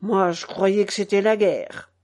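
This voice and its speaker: A woman's voice: fairly low pitch, normal speed, voice pushed down, lightly acted. A woman voicing a smug young man who mutters and grumbles that he knows it all. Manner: mumbling, grumbling.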